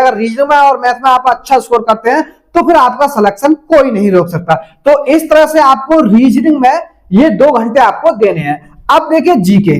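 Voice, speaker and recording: A man's voice: very high voice, poor audio. A man giving casual exam-preparation advice to viewers, instructive and repetitive, speaking to them directly. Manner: instructive, repeats each step, addresses viewers directly. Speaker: exam-prep adviser.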